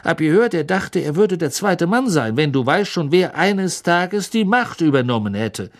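An audiobook reader voicing an excitable, gossipy young male bus conductor who tells a story dramatically and keeps asking for agreement. The reader pushes the voice up and gives it extra force. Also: mid-range voice, normal speed, pitched above the performer's own voice. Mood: gossipy, dramatic. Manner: dramatic, chattering, eager for agreement. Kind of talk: audiobook character voice.

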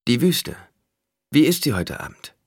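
A man's voice: medium pitch, very animated, a little slow, husky, no echo, clean studio sound, pitched above the performer's own voice. A man voicing a tormented, blind young prophet-emperor who speaks with intense, commanding outbursts. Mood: urgent.

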